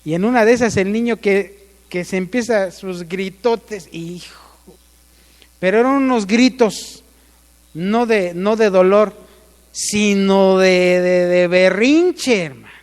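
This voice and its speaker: A man's voice: sits high, unhurried, big-room sound. A man with a Mexican accent preaching a sermon, asking the congregation questions and calling for amens.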